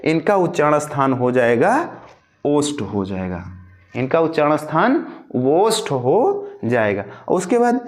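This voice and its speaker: A male teacher giving a lesson, addressing students directly and chanting memory verses slowly, each line twice. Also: on the high side, very animated. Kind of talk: classroom lesson.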